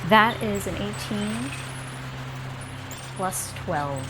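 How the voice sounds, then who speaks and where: A woman's voice: mid-range voice, expressive, very slow, music in the background. A woman role-playing as a player in a tabletop game.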